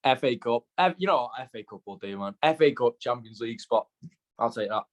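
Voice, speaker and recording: A man's voice: mid-range voice, animated, fairly quick. A man guesting on a casual podcast, joking around and laughing through his answers. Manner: jokey, laughing, playful banter. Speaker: band member guest.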